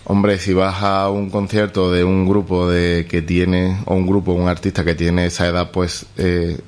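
A man's voice: deep voice, completely flat delivery, a little slow, a little mellow. A young man, a radio co-host who gives brief, dry replies.

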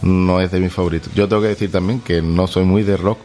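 Young deep-voiced radio co-host. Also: male voice, steady tone, fast talker, darkish tone. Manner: brief, dry replies.

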